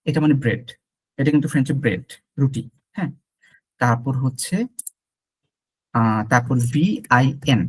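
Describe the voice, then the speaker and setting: A man's voice: medium pitch, measured pace, pauses often, breathy edge. A man teaching French pronunciation in an online lesson, patiently repeating sounds for his student. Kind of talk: online lesson mixing Bengali and English.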